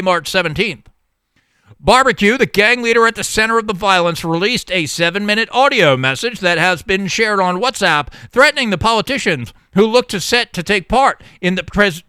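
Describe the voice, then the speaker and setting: A political commentator with a high, sharp, clear and resonant voice reads news excerpts and then riffs on them sardonically, laughing at his own jokes. The recording is clean studio sound with no room sound.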